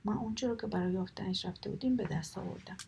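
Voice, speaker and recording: A sly, boastful male beaver from a children's storybook, chanting the same brag over and over in a sing-song hush, as a woman narrator whispers him. The breathy whisper carries a gravelly, creaky edge. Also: medium pitch, slight background noise, natural voice. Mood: proud. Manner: sing-song, repeating himself.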